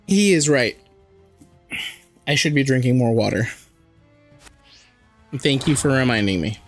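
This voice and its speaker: A man streaming a video game with a hoarse, sore throat, chatting and joking with his viewers over faint music. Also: medium pitch, animated, unhurried. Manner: chatty, joking, reads and answers chat. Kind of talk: casual live-stream chat while playing.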